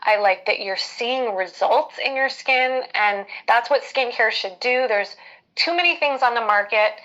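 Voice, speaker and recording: A woman's voice: mid-range voice, fairly bright tone, highs cut off. A woman hosting a casual live skincare Q&A, giving advice in a conversational, hesitant way as she thinks aloud.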